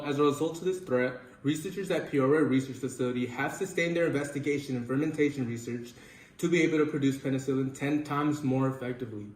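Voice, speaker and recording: A man's voice: mid-range voice, a little mellow, lightly acted. Man as formal professor, echoey and distant. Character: grateful, formal male 1940s army doctor and professor. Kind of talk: scripted news interview role-play. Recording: echoey, off-mic room with faint noise.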